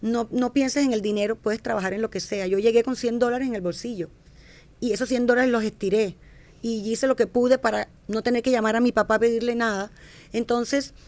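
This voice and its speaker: This middle-aged woman, a fashion entrepreneur appearing as a podcast guest, recounts her career in casual interview stories. Her fairly high voice is a little fast and a little mellow, with fairly even intonation. She frequently restarts or corrects herself and performs the lines she quotes.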